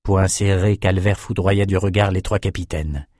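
A man narrating a dark fantasy audiobook in a measured storytelling voice. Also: deep voice, steady tone, no echo, clean studio sound.

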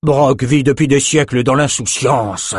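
A man putting on a gruff, demanding old father in a storybook reading, lifted a few notes above his own voice, scolding and insistent, close and dry with no room sound. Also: mid-range voice, measured pace, a little mellow, no echo, voice pushed up. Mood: stern. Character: gruff older male father, stern, demanding.

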